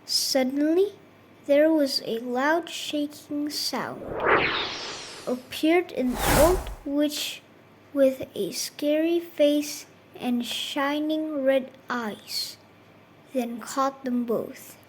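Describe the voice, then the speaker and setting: A woman narrating a children's fairy tale in a slow, even reading voice. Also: high voice, background noise. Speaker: storyteller. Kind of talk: scripted storybook narration.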